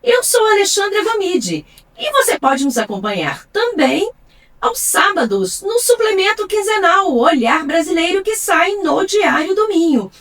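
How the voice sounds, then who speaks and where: Woman radio host, high and animated, announcer delivery with quick interview interjections. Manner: brief affirmations, announcer-style station ID. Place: radio studio.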